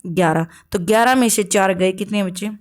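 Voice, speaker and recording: This exam-prep grammar lesson features a woman with a mid-range voice talking at normal speed. Testing her own students, she raises questions only to answer them herself, peppering her speech with "okay" check-ins.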